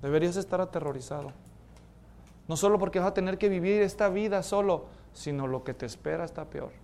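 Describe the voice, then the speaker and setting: A preacher with a high-pitched voice delivers a sermon in a dramatic storytelling manner. He acts out the voices of the people in his story and then drops to a quieter tone to stress his main points. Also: fast, gravelly.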